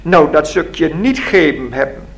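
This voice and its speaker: A man's voice: fairly high pitch, expressive, normal speed, close to an everyday voice. Man doing a hearty jolly old Christmas man. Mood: cheerful.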